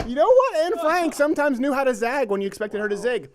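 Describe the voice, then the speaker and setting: A man's voice: very high voice, sing-song, fast talker. A man hosting a comedic studio talk show, teasing his co-hosts and often stumbling over his words. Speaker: show host.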